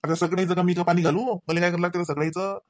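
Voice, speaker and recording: A man's voice: sits high, level tone, dry recording, studio quality, lightly acted. A man voicing a scolding cartoon husband. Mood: stern. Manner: nagging, lecturing, rapid scolding. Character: scolding husband Ravi, grown man, short-tempered. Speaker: voice actor. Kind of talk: cartoon voice acting.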